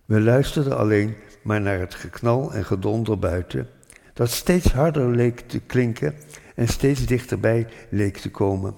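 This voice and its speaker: An older man from Rotterdam telling a childhood memory in a thoughtful, unhurried way, pausing with hesitant fillers. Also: on the low side, gravelly, warm tone. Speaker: storyteller. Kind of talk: reflective spoken memoir. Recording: long hall reverb.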